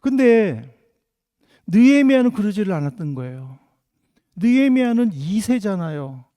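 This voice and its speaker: A middle-aged South Korean pastor preaches in a church in Germany, his voice high and very animated yet dark in tone. He delivers the sermon at a measured pace with earnest storytelling and rhetorical questions, and there is no echo.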